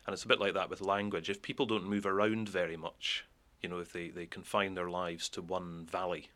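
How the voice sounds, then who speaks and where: A man with a deep, level voice explains things in a thoughtful interview. His tone is bright and forward. He keeps his delivery flat and steady, filling pauses as he thinks. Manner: thoughtful, with many "you know" fillers. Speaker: expert interviewee.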